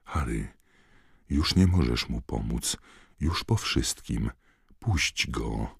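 A man playing a very old headmaster in an audiobook, gentle and unhurried, on a very deep, husky voice recorded dry and close. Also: very animated, no room sound, exaggerated voice. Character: very old, thin, calm headmaster.

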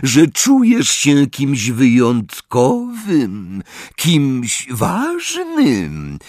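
A man reading an audiobook, voicing a cold, menacing male professor who speaks quietly and slowly. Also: mid-range voice, wildly swooping pitch, dry recording, clean studio sound, pitched above the performer's own voice, exaggerated voice. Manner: quiet, slow, threatening, sneering.

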